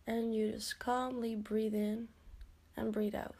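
A woman guiding a progressive muscle relaxation exercise in a slow, soothing, instructional way. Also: a little high, little pitch movement, a little mellow. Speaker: relaxation guide.

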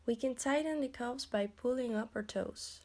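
A woman guiding a progressive muscle relaxation exercise in a slow, soothing, instructional way. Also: a little high, a little mellow. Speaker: relaxation guide.

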